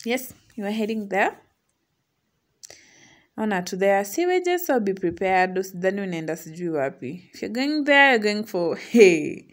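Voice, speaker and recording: A young woman with a Kenyan accent narrating a casual vlog, chatty and quick to laugh. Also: mid-range voice, very animated. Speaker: vlogger. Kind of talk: casual vlog voice-over mixing English and Swahili slang.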